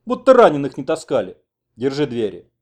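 A man voicing a gruff old village grandfather who grumbles curtly. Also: mid-range voice, wildly swooping pitch, fairly quick. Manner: grumbling, curt.

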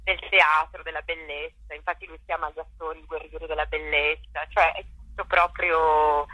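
An actress presenting a stage show talks casually and effusively as an interview guest, searching for words and checking she's being followed. Her voice is low, husky and sharp, with little pitch movement and a moderate pace. The recording is dry and of poor quality.

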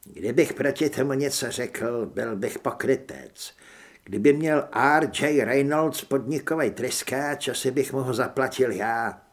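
A man voicing a century-old male werewolf in an audiobook, gruff with dry humor. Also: medium pitch, lightly acted. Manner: gruff, wry. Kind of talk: audiobook character reading.

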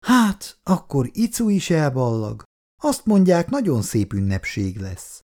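A man reading aloud and voicing a brisk, bustling older working-class housewife who talks in a quick, chatty way. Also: a little high, huge pitch swings, a little mellow, voice pushed up.

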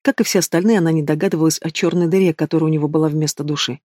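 A man's voice: on the high side, fairly even intonation, rapid-fire, mellow, no room sound, studio quality. A man reading a woman's first-person story aloud as audiobook narration.

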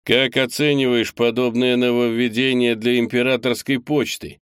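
A man voicing a confident male boss in an audiobook, giving brisk, assured orders. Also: medium pitch, little pitch movement, smooth, no room sound, clean studio sound, pitched above the performer's own voice, close to an everyday voice. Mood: commanding. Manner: assured, directive. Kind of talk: audiobook character voice.

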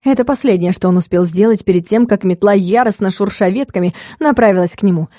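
A woman narrating a comic fantasy audiobook in a measured, expressive way. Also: medium pitch, no echo, studio quality.

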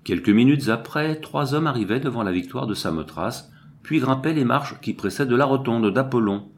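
A man narrating an audiobook with expressive storytelling. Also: medium pitch, moderate pace, slight background noise. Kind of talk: scripted narration.

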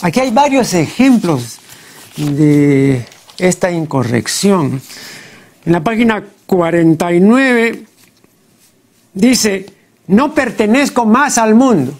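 A TV program host with a high, gravelly, darkish voice gives studio commentary critiquing a translation, listing error after error. He is deliberate and pedantic, often using "pues" and checking in with a questioning "¿no?"; it's TV program audio.

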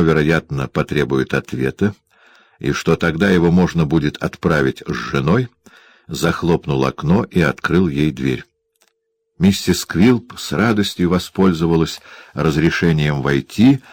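A man narrating a literary audiobook in a measured storytelling manner. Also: low voice, a little mellow, no echo.

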